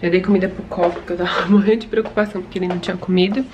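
A young woman from Brazil with a São Paulo accent, chatting casually in a home vlog, emotional and often dropping to a soft murmur. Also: fairly low pitch, steady tone, very fast, lo-fi sound, background noise. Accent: Brazilian Portuguese, São Paulo. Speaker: vlogger. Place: home, indoors.

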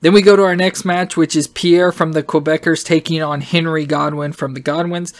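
A man's voice: a little high, fairly even intonation, moderate pace. A man hosting a podcast, recapping an old wrestling show in a rambling, casual way with many fillers and self-corrections. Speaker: podcast host.

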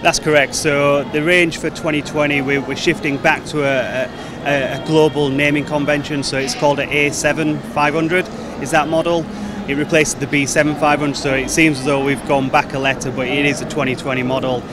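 A marketing manager in his thirties answers interview questions about products on a noisy trade show floor, speaking fluently and promotionally into the interviewer's handheld mic. His voice is a little high, flat, and moderately paced. Music plays, along with crowd chatter and hall noise.

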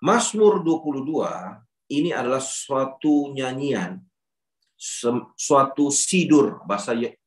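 A man leads a casual Bible study and keeps asking his listeners rhetorical questions. His voice sits at an ordinary middle pitch and rings with the echo of a roomy space. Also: sing-song, takes it slowly. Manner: conversational, asks rhetorical questions. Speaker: youth ministry speaker. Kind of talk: Bible teaching session.

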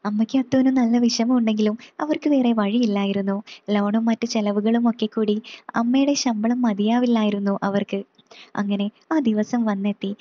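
A woman reading a story aloud in a steady, plain way. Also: fairly high pitch, moderate pace, no room sound, lo-fi sound.

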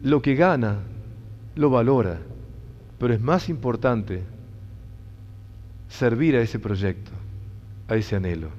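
Slow and expressive, with long pauses, a motivational speaker in a mid-range, darkish voice inspires his audience in Rioplatense-accented Spanish. He's earnest and emphatic, repeating key phrases. Dull sound and long hall reverb mark the recording.

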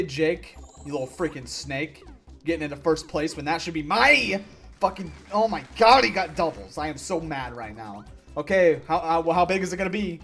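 A young man giving gameplay commentary, ranting and yelling at the game in frustration. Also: fairly high pitch. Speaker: gaming YouTuber.

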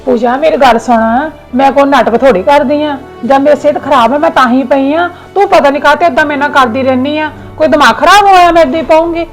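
High, fast, complaining young Punjabi woman. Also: faint music behind. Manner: complaining and defensive. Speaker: elder daughter-in-law in a family skit. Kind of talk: scripted family drama acting.

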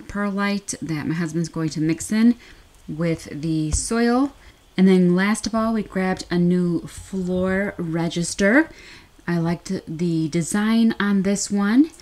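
Indoors at home, a vlogger narrates a casual haul over close-up shots; she is an American woman whose voice sits on the low side, with slight background noise. Her talk is conversational, full of repetition and rephrasing.

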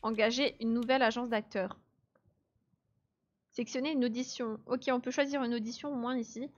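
A woman's voice: fairly high pitch, steady tone, moderate pace, lo-fi sound. A woman giving casual live gameplay commentary, chatty and laughing often as she answers her chat. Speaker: let's play streamer.

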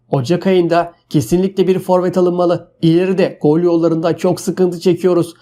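A man reads scripted sports news. His voice is notably high for a man, with a dark, soft-edged tone.

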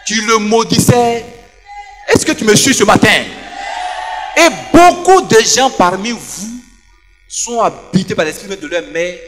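A high-pitched male preacher, his sermon ringing through a reverberant church hall with soft music underneath. He swings from shouted exhortation to hushed storytelling and keeps calling out to the congregation for response. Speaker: pastor. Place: church service.

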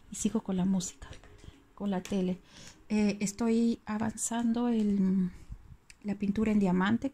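A woman's voice: mid-range voice, dark tone. Woman, casual vlog chat, rambling, self-correcting, laughs at herself. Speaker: craft vlogger.

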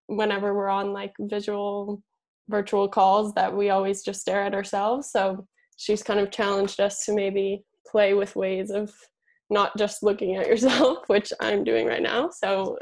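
A young woman from an exhibition space giving casual housekeeping notes on a video call, hesitant with many fillers. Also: medium pitch. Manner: casual, hesitant, lots of fillers and small laughs. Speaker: event organizer at an exhibition space. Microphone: laptop mic on a video call.

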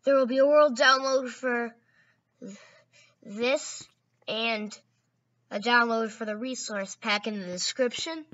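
A woman's voice: on the high side, fairly even intonation, takes it slowly, long pauses, a bit bright, no echo, muffled recording. A woman hosting a gaming video, narrating casually and often correcting herself mid-sentence.

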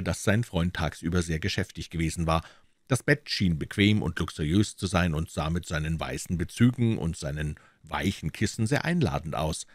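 A man reading a classic crime story aloud in a measured audiobook narration. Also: low voice, dry recording, clean studio sound. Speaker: audiobook reader.

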